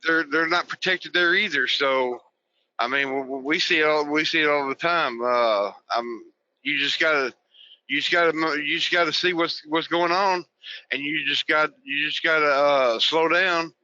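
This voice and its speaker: A man's voice: a little high, normal speed, bright, forceful tone. A man joining a live talk show remotely, rambling and restarting his phrases in casual chat. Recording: muffled remote call audio.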